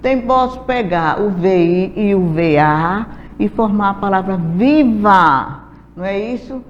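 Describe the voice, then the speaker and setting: A woman teacher from Brazil giving a slow classroom lesson, sounding out syllables and letters one by one with patience. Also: medium pitch, lively intonation. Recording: dull lo-fi audio, faint hiss, reverberant room.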